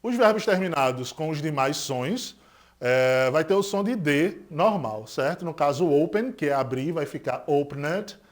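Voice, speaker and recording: A man's voice: fairly high pitch, expressive, unhurried. A male English teacher with a Pernambuco Brazilian Portuguese accent gives a recorded lesson, asking students questions and confirming each point. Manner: didactic, asks students rhetorical questions and confirms with "certo?"; stresses English example words more loudly.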